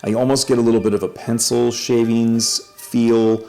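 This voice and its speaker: A man's voice: mid-range voice, flat delivery, moderate pace, vocal fry, warm tone, faint music behind. A man hosting his own channel, giving a casual, upbeat first-impressions review and correcting himself as he goes. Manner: chatty, self-correcting, upbeat. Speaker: fragrance reviewer.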